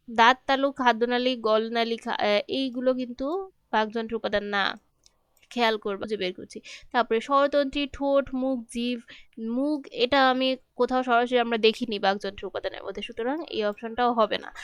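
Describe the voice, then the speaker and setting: A woman's voice: on the high side, normal speed, clear, resonant tone, no echo. A woman teaching grammar, going through multiple-choice answers, asking questions and then answering them patiently.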